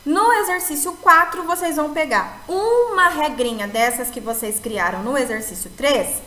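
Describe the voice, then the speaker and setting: A woman teaching an English grammar lesson in Brazilian Portuguese, explaining slowly and repeating points with a checking "tá?". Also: sits high, pushed and bright, roomy sound, poor audio. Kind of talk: recorded video lesson.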